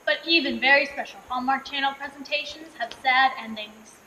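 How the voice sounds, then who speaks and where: A woman's voice: sits high, brisk, sharp tone. A woman playing an earnest, syrupy TV-movie narrator, giving mock-sentimental narration in a dramatic way. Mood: grandly solemn. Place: theatre stage. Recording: roomy stage, faint noise.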